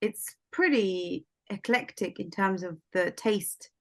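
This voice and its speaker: A woman born in Somalia, whose first language is Swahili, chats casually as a guest, her medium-pitched voice slow and slightly bright. She fills her talk with lots of "like" and "um."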